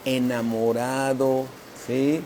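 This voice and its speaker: Pastor guy, emphatic sermon, keeps checking in with the church, bit of rasp. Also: medium pitch, flat delivery, darkish tone, slight background noise. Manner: slow, emphatic preaching with frequent "¿sí?" checks.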